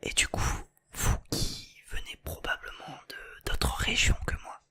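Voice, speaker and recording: Speaking straight to the audience, this ASMR creator whispers an off-the-cuff, casual chat in an unhurried manner. Their tone is bright and forceful, and a light southern French accent reveals they come from southern France.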